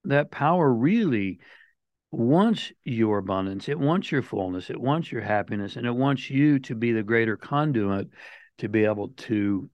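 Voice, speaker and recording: A man's voice: mid-range voice, animated, moderate pace, a little mellow, dry recording. An older man, a podcast guest, speaking in an earnest, emphatic, inspirational way. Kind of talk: motivational talk. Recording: dull, muffled audio.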